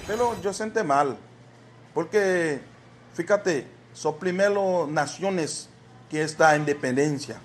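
A Haitian man, interviewed for a news report, speaking halting, broken Spanish with a Haitian accent and repeating himself. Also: a little high. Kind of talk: street interview. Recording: background noise.

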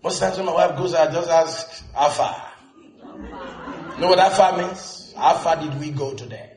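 A man preaching a sermon as pastor in a church, animated and humorous, often asking the congregation if they are listening. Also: on the high side, normal speed, reverberant. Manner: animated preaching with humor and call-and-response questions.

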